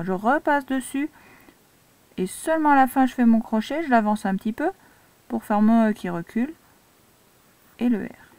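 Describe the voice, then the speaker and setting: Une institutrice française qui explique l'écriture cursive à de jeunes élèves, pas à pas et avec patience. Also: female voice, a little high, darkish tone, no room sound. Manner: slow, patient step-by-step instruction. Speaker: primary school teacher. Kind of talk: handwriting lesson for young children.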